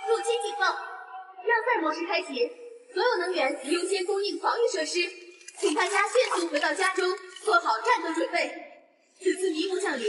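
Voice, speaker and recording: A woman voicing a city emergency announcer who gives formal, urgent orders over an outdoor loudspeaker. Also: extremely high pitch. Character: female city alarm announcer, calm and commanding. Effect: outdoor loudspeaker broadcast. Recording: echoey loudspeaker heard from far off, noisy.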